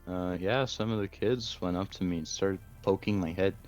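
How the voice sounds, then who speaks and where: A man's voice: sits low, steady tone, moderate pace, a little mellow, faint music behind. A man playing a tabletop role-playing game, talking in an easygoing, thoughtful way. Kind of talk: casual role-play as a player.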